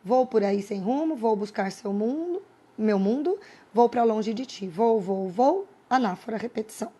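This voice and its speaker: Brazilian woman teaching, high-pitched voice. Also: lively intonation, normal speed, mellow, slightly rough. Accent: Brazilian Portuguese. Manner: didactic, checks in with tag questions. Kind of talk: recorded lesson for students.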